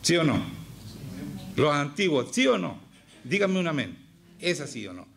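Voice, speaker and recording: A man's voice: on the high side, sing-song, moderate pace, gravelly, a bit bright. A man with a Chilean accent preaching a sermon as pastor, emphatic and often firing questions at the congregation. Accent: Chilean Spanish.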